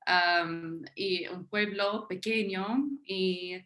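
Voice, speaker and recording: A woman's voice: mid-range voice, fairly even intonation, very slow, sharp tone. A woman from Tennessee with an American accent, whose first language is English, speaking as a historian on a panel, hesitant, with many fillers and restarts. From Tennessee, United States. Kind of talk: unscripted panel talk.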